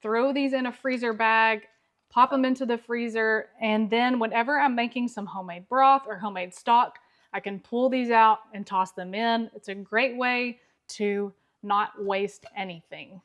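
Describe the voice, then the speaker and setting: A woman with a slightly high voice hosts a cooking video from her home kitchen. She talks viewers through each step in a relaxed, explanatory way. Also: moderate pace. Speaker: cooking channel host. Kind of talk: casual cooking demonstration.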